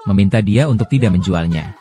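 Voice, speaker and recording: A man with a low, dark and mellow voice reads out a drama recap. He gives every character's lines in the same even voice. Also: brisk, a little hiss or hum.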